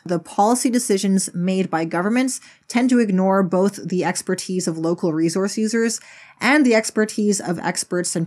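Low-voiced woman, blunt and sweary. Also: darkish tone. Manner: blunt, frequent swearing, sarcastic asides. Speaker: video essayist. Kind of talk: casual spoken video essay.

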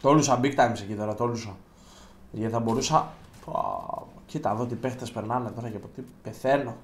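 A man giving live gameplay commentary as a streamer, chatting to viewers and bursting into loud exclamations. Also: medium pitch, big pitch swings, slight background noise. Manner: chatty, addresses viewers directly.

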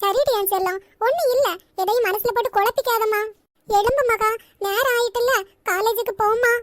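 A woman's voice: very high-pitched, normal speed, no echo, studio quality. A woman voicing a loving, protective old grandmother in a cartoon, coaxing and scolding by turns. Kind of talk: cartoon voice acting.

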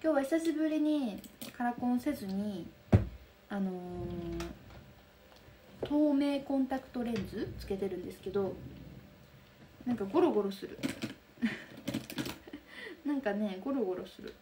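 A young woman with a soft Kansai accent chatting casually on a livestream, reading out and answering viewer comments. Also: on the high side, lively intonation, unhurried, long pauses, noisy background. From Kansai region of Japan. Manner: soft, bubbly, chatty with frequent laughs. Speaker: livestream host. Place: room lit by daylight.

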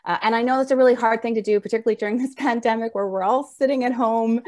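A woman's voice: a little high, steady tone, fast, a little mellow. A middle-aged woman giving an informal webinar lecture as a nurse, with slightly slurred, slushy s sounds from braces. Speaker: registered nurse presenting a health webinar. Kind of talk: informal lecture over slides. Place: indoor room, video call.

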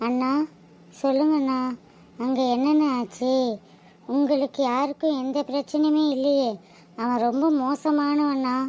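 A woman's voice: high voice, fairly even intonation, a little slow, pauses often, a little mellow. A woman voicing an anxious, tearful young wife and sister in a cartoon, talking in a pleading way.

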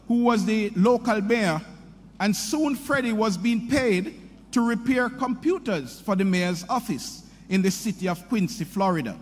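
A middle-aged man at a podium formally introducing a commencement speaker, reading a prepared script in a measured, sing-song delivery. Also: sits high. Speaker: university president introducing the speaker. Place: large hall, speaking at a podium. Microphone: podium microphone. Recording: hall reverb with faint ambience.

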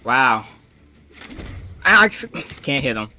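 A man's voice: mid-range voice, very animated, slow, bright, forceful tone. A young man giving exasperated, profane live commentary on his own gameplay. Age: young adult. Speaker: gaming streamer. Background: game music.

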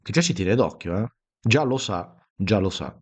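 A man's voice: on the low side, expressive, moderate pace, husky. A man giving casual, joking commentary while playing a video game, reading its dialogue aloud. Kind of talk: casual let's-play commentary.

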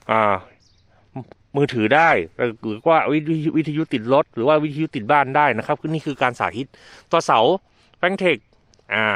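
This Thai man's voice is a little high and a bit bright. He casually demonstrates a product by hand, going step by step and often repeating himself with polite particles.

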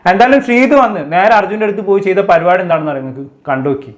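Rapid-fire chatty male commentator. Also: high-pitched, big pitch swings, background noise. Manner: chatty, addresses viewers as kids. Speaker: show commentator. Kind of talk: casual recap commentary.

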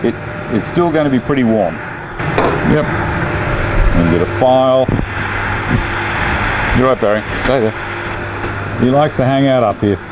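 A man's voice: mid-range voice, slow, long pauses, very noisy. A man in his fifties with an Australian accent, chatting casually as he demonstrates a woodworking job in his home workshop on a lapel mic. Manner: chatty, relaxed, with laughs and Aussie slang. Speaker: woodworking channel host.

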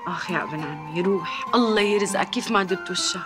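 An actress plays a devout wife with a Levantine Arabic accent, full of warm blessings. Her voice is low for a woman and quick. Loud music runs underneath. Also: natural voice. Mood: affectionate. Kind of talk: radio-style drama acting.

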